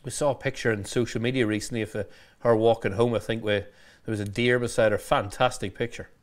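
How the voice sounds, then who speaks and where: A man hosting a podcast chat, brisk and dropping short agreeing murmurs. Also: mid-range voice, steady tone. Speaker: podcast host. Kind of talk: casual chat.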